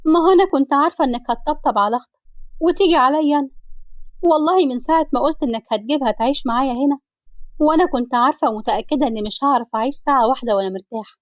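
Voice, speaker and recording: Woman as a complaining, scheming Egyptian wife, raised pitch, rapid storybook delivery. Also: no room sound, close to an everyday voice. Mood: aggrieved. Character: aggrieved young wife, scheming and tearful.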